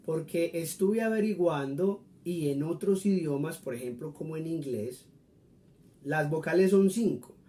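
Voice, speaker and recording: A man's voice: high-pitched, mellow. A man teaching a friendly Spanish lesson, patiently explaining and repeating example words for his viewers.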